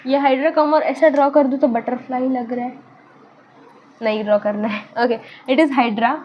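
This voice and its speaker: A young woman with a high, light voice teaches biology in a chatty, mixed Hindi-English style. She poses questions and answers them herself, pokes fun at her own drawing, and a faint hum sits under the recording. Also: steady tone, moderate pace, highs cut off. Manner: self-mocking about her drawing. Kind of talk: casual online lesson.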